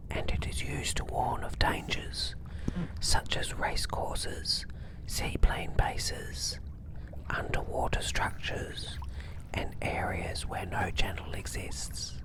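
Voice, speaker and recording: A man narrating in a whispered ASMR style, hushed and deliberate, with a deadpan manner. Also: low-pitched, low-quality recording. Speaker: host narrating a sailing trip. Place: on a sailing boat, outdoors.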